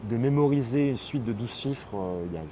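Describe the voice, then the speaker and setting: A man hosting a live stream, explaining things casually and pausing often on fillers as he reads and answers chat. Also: mid-range voice, animated, warm tone, a little hiss or hum. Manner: explanatory, hesitant, with many fillers. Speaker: livestream host.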